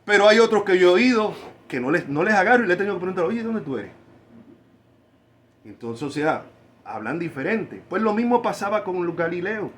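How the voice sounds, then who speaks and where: A man preaching a sermon, stressing key words by drawing them out slowly. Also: high voice, sing-song, a bit bright, slight background noise. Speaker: pastor.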